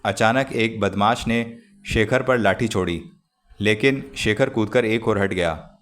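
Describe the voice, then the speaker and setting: A man narrating a novel as an audiobook and hosting his own channel, in a measured, even storytelling manner. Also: lowish voice.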